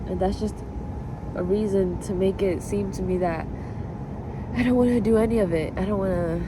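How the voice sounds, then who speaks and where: A woman's voice: mid-range voice, steady tone, normal speed, noisy background. A woman vlogger chatting casually and confessionally, rambling and introspective, repeating herself and often saying "like". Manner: rambling, introspective, frequent "like" and repetition. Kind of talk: casual confessional chat to camera.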